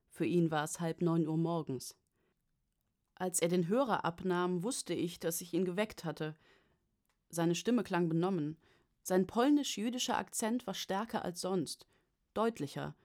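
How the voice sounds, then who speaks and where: A woman narrating a first-person story as an audiobook, in an even, measured way. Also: on the low side.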